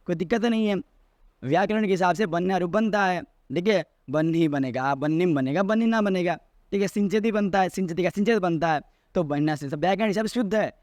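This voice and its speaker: A man's voice: sits high, a little fast, a little mellow, no echo, studio quality. A man explaining a classical logic text as a teacher, repeating key terms and asking and answering his own questions. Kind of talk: explanatory lecture.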